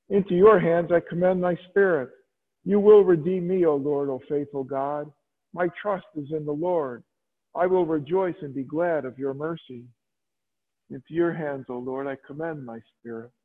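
A man leading Mass as a priest, reciting prayers and scripture in a measured, solemn way. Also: a little high. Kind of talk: liturgical prayers and scripture reading. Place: church. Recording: tinny radio broadcast in a long-reverb church.

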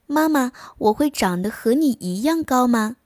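A woman's voice: fairly high pitch, expressive, normal speed, a little mellow, no room sound, studio quality, close to an everyday voice. A woman voicing a small, shy young poplar tree in a bedtime story, sweet and earnest.

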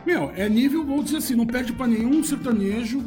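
Man, DJ, casual podcast chat, high voice, swears and laughs. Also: brisk, darkish tone, soft background music. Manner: loose, laughing, swearing storyteller. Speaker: DJ guest.

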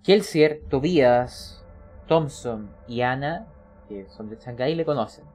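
A man's voice: medium pitch, animated, slow, darkish tone, soft background music. A man narrating a tabletop game as game master, explaining scenes and often checking in with his players. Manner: explanatory, frequent checking questions.

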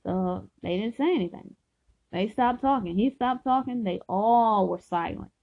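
A woman's voice: medium pitch, a little slow, creaky. A woman telling a personal story from her own life in an earnest, emphatic way, often repeating herself for stress. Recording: dull lo-fi recording.

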